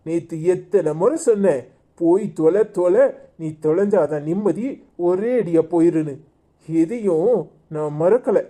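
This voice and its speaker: A grave young husband with a very dark, mellow tone and a Tirunelveli Tamil accent, as a woman puts him on. He speaks in a cartoon, flat and threatening. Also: fairly low pitch, measured pace, pitched below the performer's own voice. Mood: grim. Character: grieving stern young husband.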